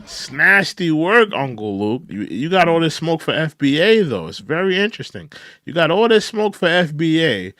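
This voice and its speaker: A man's voice: a little high, big pitch swings, normal speed, fairly bright tone, dry recording, soft background music. A man in his thirties hosting a reaction commentary, incredulous and repetitive as he speaks directly to the person he criticizes. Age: 30s. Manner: incredulous, repeats points, addresses his target directly. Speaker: commentary channel host.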